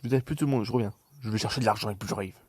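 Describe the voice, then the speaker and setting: A man's voice: on the low side, racing, dry recording. A man doing casual, rambling gameplay commentary for his viewers, playfully mock-exasperated as he talks half to himself. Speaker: gaming video creator.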